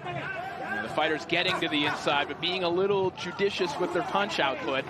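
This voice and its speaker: Male play-by-play fight caller, polished and lively, over a loud arena crowd. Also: a little high, very noisy. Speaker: play-by-play boxing commentator. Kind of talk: live sports commentary. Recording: loud music and crowd behind voice. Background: arena crowd and music.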